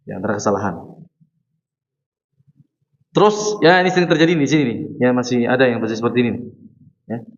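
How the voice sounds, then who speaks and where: A man teaching Quran recitation at a mosque study session. He explains step by step, asks questions and answers them himself, and demonstrates each sound. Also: mid-range voice. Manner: chants sample verses slowly. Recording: roomy, echoey, dull lo-fi mosque recording.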